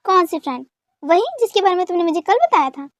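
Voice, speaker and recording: A woman voicing a concerned mother who probes gently. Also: very high-pitched, expressive, fast, dry recording, clean studio sound. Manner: gently probing.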